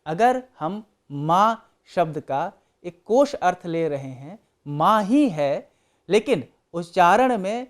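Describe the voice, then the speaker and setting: A lecturer giving a recorded academic lesson, talking deliberately, pausing and repeating key terms. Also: mid-range voice, lively intonation.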